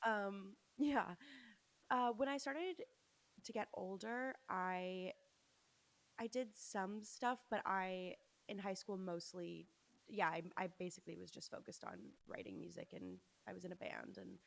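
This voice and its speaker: A woman's voice: medium pitch, animated, measured pace, gravelly. A young woman from Los Angeles, a musician guest chatting casually in an interview, with many fillers and restarts. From Los Angeles, USA.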